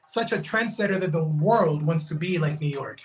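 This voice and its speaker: A young man from Guatemala who was raised in Los Angeles joins a video call as a guest, a digital fashion designer in a casual interview chat. He's talkative, restarts sentences, and says "bro" and "man." His fairly high voice is expressive and moderately paced.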